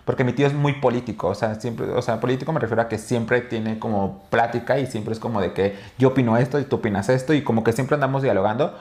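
A man's voice: mid-range voice, fast talker, hardly any pauses, darkish tone. Rambling Mexican man, casual podcast chat. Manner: rambling storyteller with many fillers and restarts. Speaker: podcast co-host.

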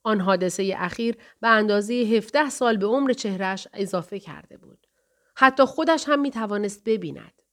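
Female audiobook narrator, steady and measured delivery. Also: medium pitch.

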